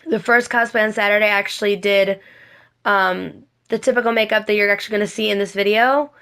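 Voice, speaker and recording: In her casual makeup tutorial, a cosplay makeup vlogger speaks briskly with a medium-pitched, sharp voice and a steady tone, slightly raspy and scratchy because she's hoarse from a cold. She wanders and repeats herself, often stopping to correct herself.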